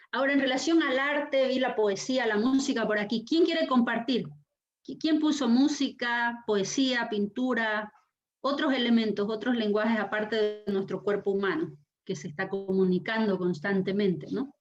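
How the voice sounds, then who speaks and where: A woman lecturer hosting an online class, speaking expressively and slowing down to stress her words. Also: mid-range voice. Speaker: university lecturer and session host. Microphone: video call microphone. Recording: dull lo-fi video call audio.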